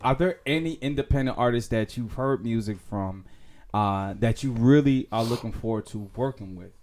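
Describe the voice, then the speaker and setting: A man hosting a radio talk show in a studio, animated and joking, talking over the others. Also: medium pitch, moderate pace. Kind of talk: casual radio chat.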